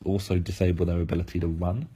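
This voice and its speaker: A man's voice: deep voice, little pitch movement, quick pace, dark tone, slight background noise. A man losing his voice, giving analytical game preview commentary with frequent fillers and restarts.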